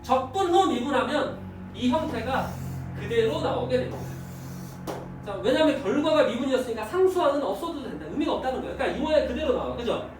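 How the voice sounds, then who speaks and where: A man's voice: very high voice, fairly quick, heavy reverb, distant mic, music in the background, low-quality recording. A man teaching math to a class, often stopping to ask whether the students follow. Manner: lively, checks understanding with students. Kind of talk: classroom lecture.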